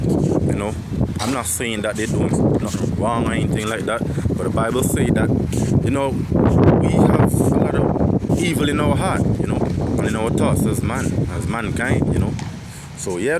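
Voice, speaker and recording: A deep-voiced man in his twenties with an Antiguan accent vlogs a casual personal monologue, rambling and reflective, often repeating himself and swearing. Loud street noise from outdoors fills the recording.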